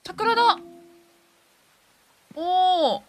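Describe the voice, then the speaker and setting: A woman's voice: very high-pitched, animated, extremely slow, darkish tone, soft background music. A woman hosting a gaming video, talking casually while she plays and easily getting scared, with frequent startled exclamations and repeated words. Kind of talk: casual game commentary.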